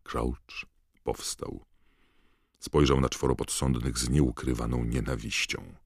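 Guy with a super low voice reading an audiobook, calm measured pace, dead dry recording. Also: creaky, breathy edge, no room sound. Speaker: audiobook narrator. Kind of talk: scripted narration.

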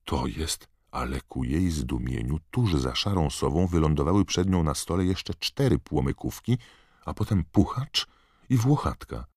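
A man reads an audiobook in steady, even storytelling narration. His voice sits extremely low, and the recording is dry and close with no room sound. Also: moderate pace, no echo. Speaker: audiobook reader. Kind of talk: scripted narration.

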